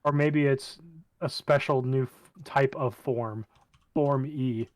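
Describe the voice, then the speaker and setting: A male podcast co-host drops in short, joking remarks during casual chat. His voice is mid-pitched, and the recording is close and dry. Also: steady tone, takes it slowly, darkish tone, dry recording. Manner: brief joking interjections.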